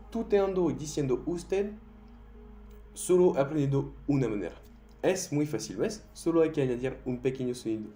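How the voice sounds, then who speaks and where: A native French speaker teaches a beginner lesson, drawing out each model word slowly. His voice is mellow, with lively rises and falls in pitch. The low-quality recording has no proper microphone and faint music behind it. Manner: slow, drawn-out model pronunciations. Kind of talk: online language lesson.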